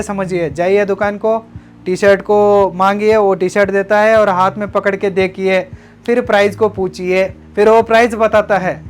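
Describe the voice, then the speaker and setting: A man's voice: high-pitched, clean tone. A man narrating a business lesson, giving step-by-step tips in an instructive way and addressing viewers as friends. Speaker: business educator. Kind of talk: scripted narration.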